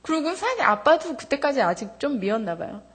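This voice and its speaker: A woman in her thirties giving a testimony to a congregation, candid and animated, laughing often, her voice jumping high when she gets excited. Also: a little fast. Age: 30s. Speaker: church member giving testimony.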